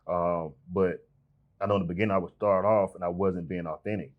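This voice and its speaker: A man, a freight broker guesting on a podcast, talking in a relaxed conversational way. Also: sits low, fairly quick, phone-quality sound. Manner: relaxed, conversational, acts out voices when telling stories. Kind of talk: casual interview talk.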